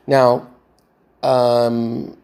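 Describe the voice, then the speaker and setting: Man, mid pitch, gravelly; halting casual monologue full of fillers. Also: completely flat delivery, darkish tone. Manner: halting, many fillers and restarts, trying to recall. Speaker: vlogger retelling a movie rewrite.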